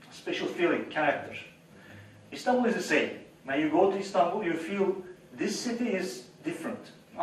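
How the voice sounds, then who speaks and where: A man in his forties from Turkey, with a Turkish accent, giving an informal guest lecture to a university seminar. He speaks unhurriedly, repeats his points and checks in with "right?" and "okay?". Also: on the high side. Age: 40s. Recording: very echoey room, distant mic.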